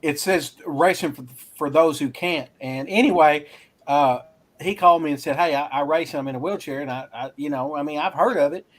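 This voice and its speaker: A man's voice: a little high, normal speed. A man from Arkansas, a racing school instructor, talking casually as a guest and rambling with restarts. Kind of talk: casual interview talk.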